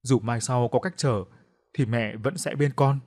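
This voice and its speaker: A man's voice: mid-range voice, a little slow, darkish tone, natural voice. A man voicing a weak, dying mother saying loving farewells to her child in a storybook tale. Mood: tender, sorrowful. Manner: faint, pleading farewell.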